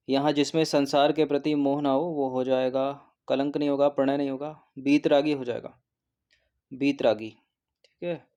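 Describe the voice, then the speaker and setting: A man giving a recorded exam-prep lesson who explains each answer and repeats words slowly, often adding a quick "okay". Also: fairly high pitch, mellow. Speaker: exam coaching teacher.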